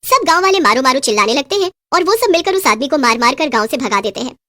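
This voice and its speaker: A woman narrating a cartoon story in a lively scripted storytelling voice. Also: high voice, quick pace, recorded from a distance. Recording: roomy echo.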